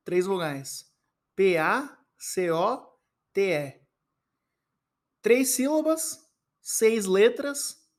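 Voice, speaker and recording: A man's voice: sits high, fairly bright tone. A young Brazilian man with a Brazilian Portuguese accent, hosting a solo podcast and rambling in a playful, mock-solemn way while eating fruit. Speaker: podcast host.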